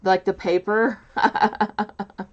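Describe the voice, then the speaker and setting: A woman hosting a casual crafting livestream in a loud, nasal voice, rambling and hesitant with lots of fillers, from a mic set off to her side. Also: medium pitch, flat delivery, extremely slow, lo-fi sound. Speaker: livestream host. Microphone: mic set off to the side, away from camera.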